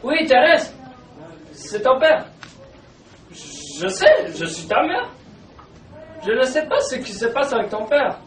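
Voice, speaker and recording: A woman's voice: sits high, sing-song, slow pace, long pauses, heavily acted. A woman with a Quebec French accent acting a flustered, fussy mother who exclaims a lot. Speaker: amateur stage actor. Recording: echoey room, far from the mic, faint noise.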